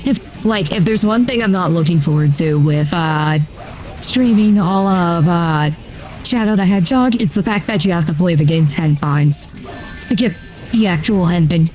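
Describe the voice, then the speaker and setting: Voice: mid-range voice, moderate pace, faint music behind. A streamer talking through a voice changer, chatting casually while playing a video game, with a loose, rambling delivery full of "uh" and "like". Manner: rambling, relaxed, with many "uh" and "like" fillers. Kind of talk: casual gameplay commentary.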